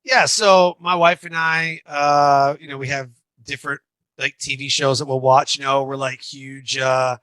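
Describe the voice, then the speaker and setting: A man in his forties, a podcast guest, talking in an energetic, rambling way. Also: medium pitch, a little slow, clear, resonant tone, dry recording. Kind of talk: casual interview chat.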